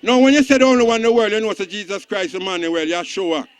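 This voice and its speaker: A man with a Jamaican accent giving shout-outs and chanting reggae gospel lyrics in a preacherly patois delivery. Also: high-pitched, fairly even intonation, fast, clean tone.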